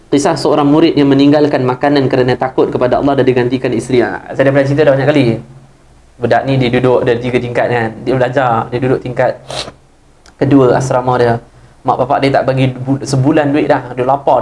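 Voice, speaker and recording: A man with a Malaysian Malay accent delivers a religious talk, weaving in lively stories. His voice sits in an ordinary middle register, and he jumps higher when he voices the people in his tales. He is recorded on a clip-on mic. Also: quick pace. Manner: lively storyteller, acts out characters' lines with raised pitch. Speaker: religious teacher. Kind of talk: Malay religious lecture with storytelling. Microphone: wireless lapel mic.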